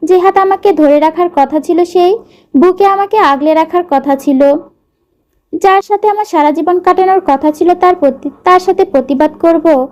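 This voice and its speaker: A woman voicing a gentle young wife who speaks tearfully and pleadingly, reading a romance story. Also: very high voice, moderate pace.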